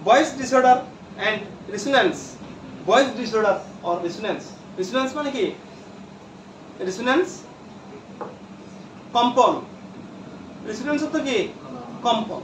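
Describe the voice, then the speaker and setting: A man's voice: extremely high pitch, expressive, moderate pace, pauses often, noisy background. A male teacher lecturing a classroom, repeating terms and quizzing his students. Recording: echoey room from far off.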